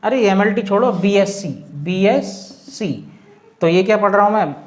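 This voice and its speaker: Man teaching grammar step by step. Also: sits high. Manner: explains step by step, asks the class rhetorical questions; spells out letters slowly. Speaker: English teacher. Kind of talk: classroom-style grammar lesson.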